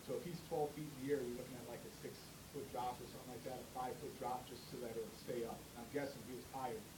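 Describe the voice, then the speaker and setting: A man's voice: fairly even intonation, fast talker. A man giving a religious pregame pep speech, preaching in an emphatic, plain-spoken way, partly reading and partly talking off the cuff. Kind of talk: motivational pregame pep speech, part read aloud, part ad-libbed. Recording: distant mic, echoey room, clear rumbling noise.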